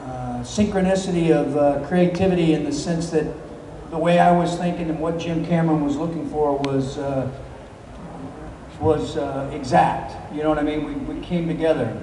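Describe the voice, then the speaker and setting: A middle-aged convention guest actor answers questions in a live stage Q&A, speaking at a moderate pace in a fairly high voice through a handheld mic. He tells relaxed, rambling stories packed with fillers. Filmed from far back in the crowd, his voice rolls through the long reverb of a large hall with faint room hum.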